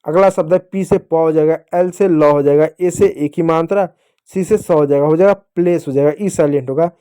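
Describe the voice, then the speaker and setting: Addressing his pupils as "children," a male teacher goes through English spellings letter by letter and repeats each answer back. He speaks at a normal speed in a smooth, dark voice that sits fairly high.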